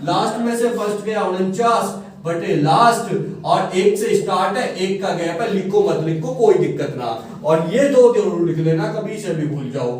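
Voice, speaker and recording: A man's voice: sits high, expressive, unhurried, darkish tone. A man teaching a maths lesson to students, coaxing them along and often checking that they follow. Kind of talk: classroom-style maths lesson. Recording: echoey room, far from mic.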